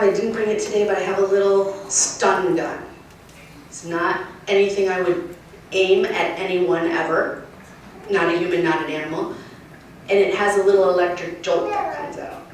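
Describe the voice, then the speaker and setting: A woman urban wildlife specialist giving a lively, emphatic outdoor talk, often checking in with her listeners. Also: medium pitch, moderate pace. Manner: lively, emphatic, keeps asking the crowd "right?". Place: outdoors at a nature center. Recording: echoey, distant, faint noise.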